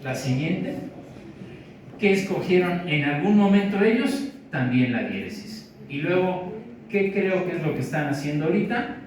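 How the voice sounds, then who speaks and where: A man's voice: fairly high pitch, big pitch swings, moderate pace, a little mellow. Man lecturing, mexican spanish accent, conversational, very echoey hall, distant mic. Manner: conversational, keeps checking in with "¿no?". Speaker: linguistics lecturer. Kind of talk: academic lecture. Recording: echoey hall from far off, faint noise.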